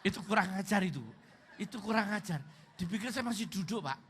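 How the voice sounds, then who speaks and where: A middle-aged male pastor preaching a sermon at a church service, telling humorous stories and loudly mimicking a song leader. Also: high-pitched, lively intonation, fairly quick, a little hiss or hum.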